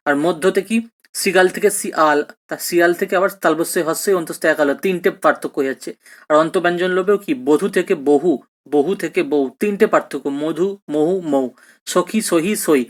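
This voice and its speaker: A teacher rushing through a grammar lesson at high speed. The delivery is in a mid-range voice and full of quick self-corrections. The teacher keeps checking that students are following. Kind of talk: fast online exam-prep grammar lesson.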